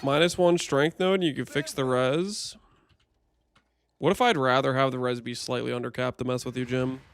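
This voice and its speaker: A man's voice: medium pitch, steady tone, normal speed, clear, resonant tone. A man on a livestream headset mic, chatting and joking as he thinks aloud through gameplay commentary.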